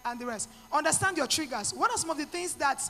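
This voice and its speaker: A woman's voice: high-pitched, animated, fast, pushed and bright, big-room sound, faint music behind. A middle-aged woman with a Nigerian accent, giving an earnest motivational talk to women with pidgin asides. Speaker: speaker to women.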